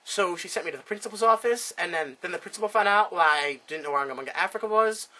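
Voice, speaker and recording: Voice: medium pitch, fast talker, bright, forceful tone, close to an everyday voice, rough recording. A storyteller voicing a nervous young schoolboy who explains everything in one long run-on breath. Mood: anxious.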